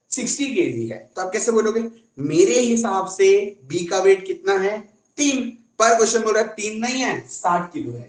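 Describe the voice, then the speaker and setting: A man's voice: sits high, reverberant, rough recording. A man teaching a casual online maths class in a chatty way, often asking his students questions.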